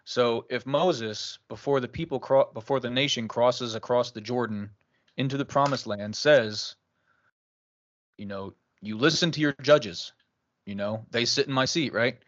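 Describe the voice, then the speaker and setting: A podcast host leading a religious discussion chats casually and laughs while telling a story. His voice is medium-pitched and fairly bright, a little slow, captured in a dry, dull-sounding recording.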